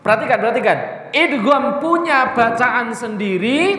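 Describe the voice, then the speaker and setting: High-voiced man teaching Quran recitation. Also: lively intonation, normal speed, bright, forceful tone, a little hiss or hum. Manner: questioning students often, then answering himself. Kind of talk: classroom tajwid lesson with recited examples. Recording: echoey hall with long reverb.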